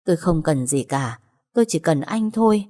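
A woman voices a grieving young woman who is crying, screaming and pleading through anguished sobs and wails. Her voice is deep and mellow, animated, at normal speed.

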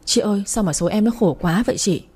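A woman voicing a meek young wife who pleads softly. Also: mid-range voice, fast, breathy edge, natural voice.

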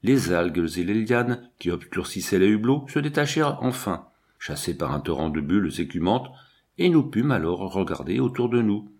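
A man reading an adventure novel aloud as an audiobook narrator, in an expressive, dramatic way. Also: on the low side, moderate pace.

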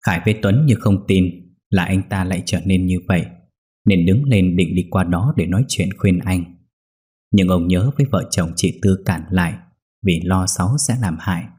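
A man's voice: sits low, normal speed, warm tone, slightly rough. A man narrating a ghost story steadily.

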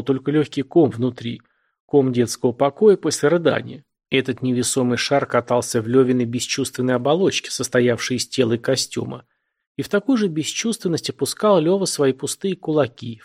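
A man narrating a literary novel aloud in a measured, expressive reading. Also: mid-range voice, vocal fry, husky. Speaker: audiobook narrator.

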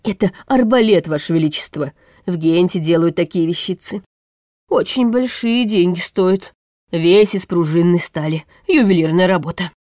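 A woman's voice: on the low side, normal speed, darkish tone, dry recording, clean studio sound, lightly acted. A woman reading a storybook audiobook, voicing a weary, anxious older male chancellor who speaks in a gloomy, hesitant way.

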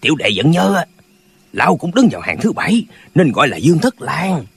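A man voicing a band of quarrelsome, pedantic old martial-arts brothers in an audiobook, with a husky voice. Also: on the high side, wildly swooping pitch, a little fast, full character voice. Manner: bickering, pedantic, squabbling.

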